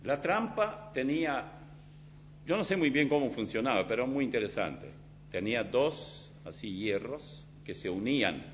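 A man preaching a sermon as pastor in a church, in an animated, dramatic way with vivid illustrations. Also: medium pitch, measured pace. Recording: slightly dull recording with faint hum.

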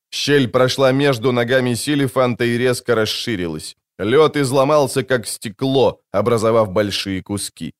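A man's voice: mid-range voice, no room sound, studio quality. Dramatic male audiobook narrator.

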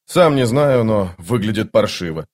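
A man's voice: on the low side, lively intonation, moderate pace, a little mellow. A man voicing a stern, suspicious army captain who gives curt commands in an audiobook. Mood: commanding.

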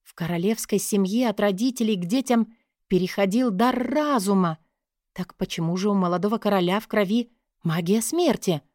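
A woman narrates a first-person fantasy story in an even, measured reading voice, her pitch in the middle range. The recording is close and dry, with no room sound. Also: no echo. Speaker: audiobook narrator.

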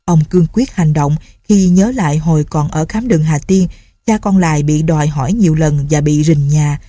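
Husky-voiced woman telling a story. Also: low-pitched, normal speed, no echo, clean studio sound. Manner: steady, even storytelling. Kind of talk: audiobook story narration.

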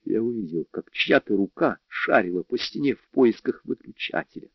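A man with a fairly low voice narrates a first-person crime story, measured and tense, often dropping to a hush. The recording is dry and slightly dull. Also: lively intonation, no room sound. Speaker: audiobook narrator.

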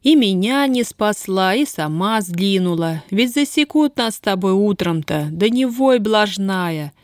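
Женщина читает реплики сердитой, резкой на язык молодой крестьянки, ругающейся простонародной речью. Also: female voice, mid-range voice, lively intonation, measured pace, dry recording, studio quality, natural voice. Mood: scolding. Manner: gruff, scolding, folk speech. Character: grim, sharp-tongued young peasant woman, bound.

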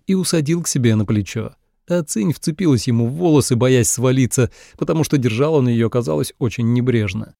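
A man narrating an audiobook in a wry, expressive storytelling manner. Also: medium pitch, vocal fry, no echo, clean studio sound.

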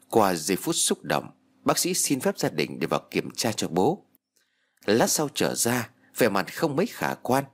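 A man narrating a sad story in an expressive, emotional reading style. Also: on the low side, slightly rough. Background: faint music.

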